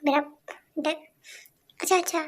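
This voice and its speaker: A young female reader performing all the roles of a fan audio drama in a quick, playful way. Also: high-pitched, steady tone.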